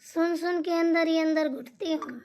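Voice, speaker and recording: A rowdy young wife, drunk on bhang, hoots wildly and rambles about every insult she has suffered, played by a woman. It is a high cartoon-comedy voice with slurring, loose delivery. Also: steady tone, moderate pace, a little mellow. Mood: drunk aggrieved. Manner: slurring outbursts, wild hooting, rambling grievances. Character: daughter-in-law drunk on bhang, rowdy and aggrieved.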